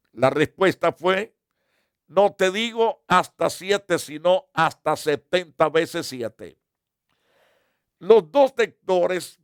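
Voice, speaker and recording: A man preaching as a pastor, giving a Bible study and reading scripture slowly and deliberately. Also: high voice, clean tone, no room sound, clean studio sound.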